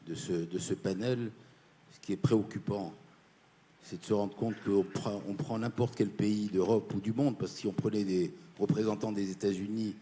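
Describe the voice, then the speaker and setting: A man's voice: sits low, mellow, slight background noise. Earnest man from Morocco giving a speech. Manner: earnest and insistent, repeating key points. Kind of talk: formal panel speech. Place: conference panel.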